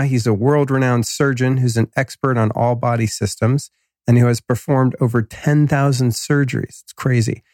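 A podcast host with a medium-pitched, darkish voice, recorded dry and clean in a studio. He's slightly nasal from a cold but sounds laid-back, slangy and enthusiastic as he runs through a casual intro and some ad reads.

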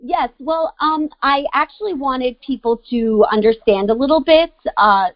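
This woman is a podcast host who runs an interview show, upbeat and encouraging in a conversational way. Her voice is high and she takes her time. The audio is dry and lo-fi, a bit muffled.

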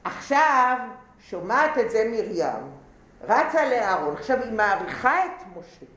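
A woman teaching a Torah class, lively and repeating key points as she questions the students. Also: a little high. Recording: roomy echo, faint background noise.

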